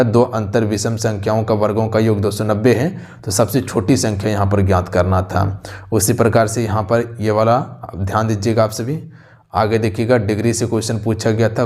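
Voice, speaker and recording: An exam-prep teacher works through a question paper on a close voice-over mic, repeating himself and speaking straight to viewers as "aap sabhi." His voice is lowish with a darkish tone.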